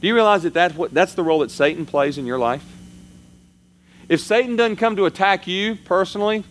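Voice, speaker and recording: Male pastor, sermon, conversational preaching, fairly high voice, faint background noise. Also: a little fast. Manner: conversational preaching, pitch rising and falling for emphasis.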